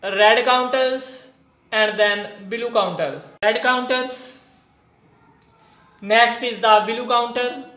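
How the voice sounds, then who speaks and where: A maths teacher with a Pakistani accent giving a whiteboard lesson in halting, piecemeal phrases, voice of unclear sex. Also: mid-range voice, fairly even intonation, pushed and bright. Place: indoors at a whiteboard. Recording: echoey room.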